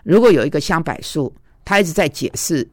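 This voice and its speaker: A woman's voice: low-pitched, lively intonation, brisk, a little mellow, no echo, studio quality. A woman preacher giving a conversational, storytelling sermon, recounting arguments and dialogues from her own life.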